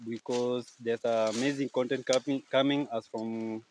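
A man's voice: mid-range voice, steady tone, moderate pace. A young man presenting a casual vlog outdoors on a rural farm, talking eagerly to his viewers into a phone held at arm's length. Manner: upbeat presenter, eager audience prompts. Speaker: vlogger. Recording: outdoor farm noise behind.

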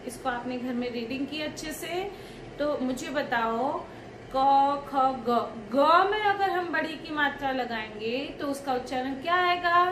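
A woman's voice: high-pitched, background noise. A woman teacher giving a lesson to young children, drawing out each syllable and repeating sounds for the class to copy. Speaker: kindergarten teacher.

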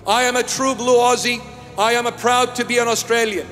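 The bishop's voice is very high, level and fairly bright, moving a little fast through big-room acoustics. Born in Iraq and now older, he preaches emphatically into a handheld microphone in a small church with altar and candles, returning again and again to key phrases.

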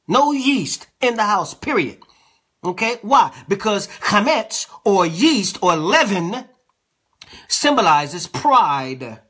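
A male preacher teaching a sermon with a lively, swinging pitch. His voice is bright and a little husky. He reads scripture and keeps checking in with his listeners. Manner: conversational, checks in with the listeners often. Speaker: apostle, preacher.

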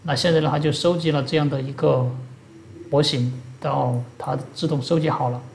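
Gravelly man giving a step-by-step tutorial. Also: on the high side, steady tone, normal speed, slight background noise. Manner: step-by-step, plain explaining. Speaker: instructor. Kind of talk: screen-recorded software tutorial.

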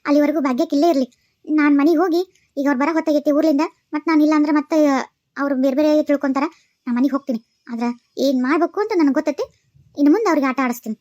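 A woman's voice: sits high, darkish tone, pitched below the performer's own voice, lightly acted. A woman with a North Karnataka Kannada accent voicing a resolute young woman who firmly vows to punish wrongdoers. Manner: firm, determined vows.

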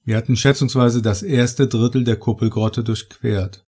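A man reading first-person horror audiobook narration in a measured, dramatic way. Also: mid-range voice, fairly even intonation, a little mellow, breathy edge.

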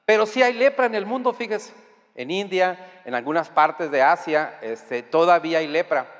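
High-voiced Mexican preacher in echoing hall. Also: male voice, animated, moderate pace. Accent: Mexican Spanish. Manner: conversational, addressing the congregation directly; rising to loud emphatic peaks. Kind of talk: sermon. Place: church hall. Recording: long hall reverb.

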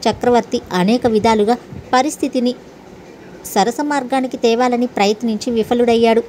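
A woman's voice: on the high side, normal speed, a little mellow, a little hiss or hum. A woman telling a story as a narrator, reading all the dialogue in her own voice. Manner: reads every character's dialogue in her own voice.

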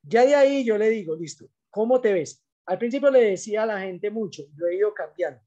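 A man's voice: high-pitched, quick pace, dark tone, lo-fi sound. A man giving a business training talk, coaching salespeople in an emphatic, direct way.

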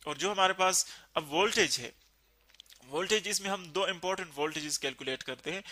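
A man teaching a physics lesson, explaining slowly and repeating key terms. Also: high-pitched, sharp tone.

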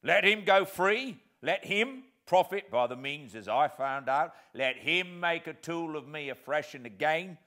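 A man reading aloud and voicing a rough escaped convict who shouts in gruff, scornful defiance. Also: a little high, lively intonation, unhurried, hardly any pauses, pitched above the performer's own voice, full character voice.

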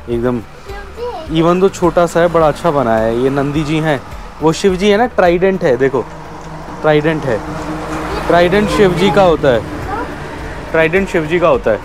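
Chatty man vlogging over music. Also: medium pitch. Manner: chatty, mixes English words into Hindi. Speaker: travel vlogger. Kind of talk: casual travel vlog narration. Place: outdoors on a road trip, by roadside stalls and a temple.

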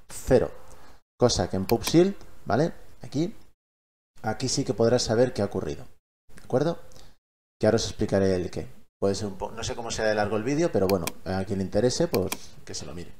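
A man's voice: lowish voice, lively intonation, fairly quick, mellow, a little hiss or hum. A man casually walks viewers through a gaming tutorial, often checking they are following. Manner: chatty, keeps checking in with listeners. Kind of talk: casual screen-recorded tutorial.

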